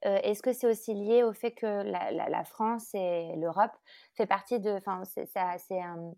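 Female interviewer, soft dark tone, mid pitch, conversational, feels her way through questions. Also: fairly even intonation, measured pace.

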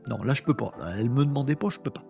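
Casual male streamer host, mid-pitched, loose and rambling, reads chat aloud over faint music. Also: expressive, very fast, gravelly, darkish tone.

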